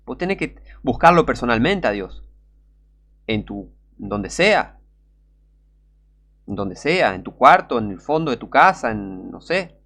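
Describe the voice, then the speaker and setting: A man with a Rioplatense Spanish accent preaching a sermon, urgent and pleading, sometimes breaking into shouts. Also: medium pitch, very animated, slow, pauses often.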